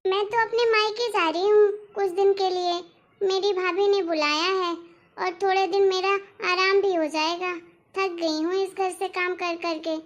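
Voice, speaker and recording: A woman voicing a fed-up cartoon mother-in-law, very high. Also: steady tone, normal speed, dull audio. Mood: defiant. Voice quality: complaining, dramatic sighs. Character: nagging middle-aged mother-in-law, fed up. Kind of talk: cartoon voice acting.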